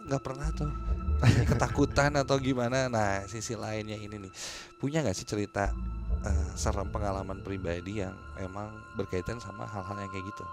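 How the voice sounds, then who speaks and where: A man hosting a casual radio interview, chatty and prompting his guests with quick questions and laughs. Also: lowish voice, fairly even intonation. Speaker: radio host. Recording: music bed under the voice.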